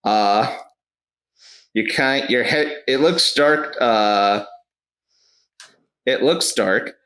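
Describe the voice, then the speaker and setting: A man narrating as game master in a tabletop role-play, with many pauses and fillers. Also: medium pitch, a bit bright, rough recording. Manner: hesitant, many fillers, voices other figures in quick asides.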